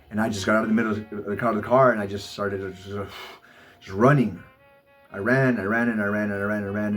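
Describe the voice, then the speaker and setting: A man with a fairly low voice talks through a confessional vlog, stumbling and repeating his words as he goes. Faint music plays under him. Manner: halting, many stammered repeats. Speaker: vlogger. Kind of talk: personal confessional monologue. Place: Los Angeles.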